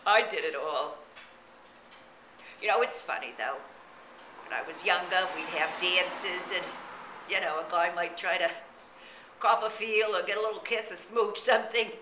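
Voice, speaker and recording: Man voicing a brassy, frail old gossip of a lady, bright wobbly voice, roomy echo. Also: high-pitched, moderate pace, pauses often, slight background noise. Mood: gossipy. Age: older. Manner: chatty, rambling, full of "you know" and cackling asides. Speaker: comic character monologue. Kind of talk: character comedy monologue to camera.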